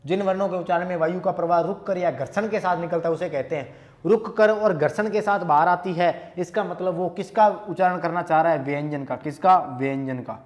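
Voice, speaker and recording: A man's voice: sits high, brisk. Man teaching, answering his own questions. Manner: asks questions and answers them himself, repeating key terms. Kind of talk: Hindi grammar lesson, solving quiz questions.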